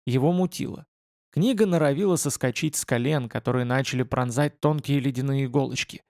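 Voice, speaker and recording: A man narrating an audiobook in a steady, measured reading voice. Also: mid-range voice, no echo, studio quality. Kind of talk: scripted narration.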